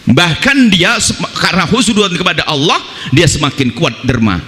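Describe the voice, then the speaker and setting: A man delivers a sermon in a lively, animated voice that sits a little high for a man. He dips low to mock other people's prayers, then jumps back up for emphasis. His bright tone rings out into the long reverb of a large hall. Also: normal speed. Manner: lively, swings between high emphatic lines and low mocking quoted prayers. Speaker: preacher.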